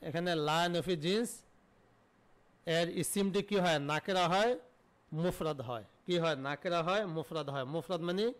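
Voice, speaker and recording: High-voiced man teaching Arabic grammar. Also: normal speed, clean tone. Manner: asks questions and answers them himself, repeating key terms. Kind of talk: online grammar lesson.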